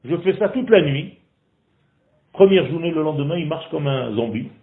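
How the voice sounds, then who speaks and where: A man teaching a group in a lively, questioning way, teasing his listeners. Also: fairly high pitch, moderate pace. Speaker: Torah teacher. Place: classroom in Israel. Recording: echoey room on a tinny phone-like recording.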